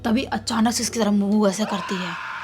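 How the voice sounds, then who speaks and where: A woman telling a horror story dramatically, dropping to a hush at tense moments. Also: mid-range voice, fairly even intonation, normal speed.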